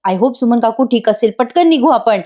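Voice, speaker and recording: A woman's voice: on the high side, animated, moderate pace, warm tone, lightly acted. A woman voicing a concerned young husband who is a lawyer, read as part of a voice-over review. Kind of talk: voice-over review re-enacting serial dialogue.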